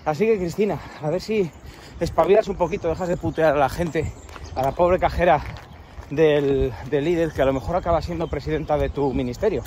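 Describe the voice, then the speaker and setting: A man's voice: fairly high pitch, a little fast, darkish tone, slight background noise. A man with a Peninsular Spanish accent rants sarcastically to camera while climbing a steep outdoor path, out of breath, rambling and crude. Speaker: vlogger. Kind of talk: walking vlog rant to camera.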